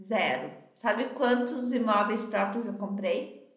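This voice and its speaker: A woman's voice: mid-range voice, lively intonation, slow, echoey room. A Brazilian woman co-hosting a podcast, chatting casually and reading out listener comments with emphatic asides. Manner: chatty, emphatic, tags phrases with "tá?". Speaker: podcast co-host.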